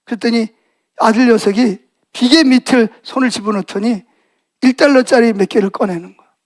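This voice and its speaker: Middle-aged man, pastor, Sunday sermon, high voice, animated, questions the congregation. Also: moderate pace. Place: church sanctuary.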